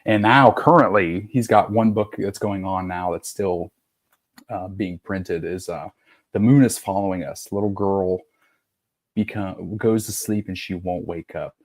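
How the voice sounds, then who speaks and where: A man's voice: low voice, unhurried, dry recording. A middle-aged man hosting a podcast, chatting casually in a loose, rambling way and swearing freely. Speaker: podcast host. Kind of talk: casual chat.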